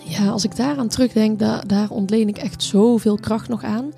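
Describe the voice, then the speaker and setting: A woman in her thirties telling a personal story in a halting, reflective way, with many restarts and fillers. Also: medium pitch, steady tone, vocal fry, warm tone, soft background music.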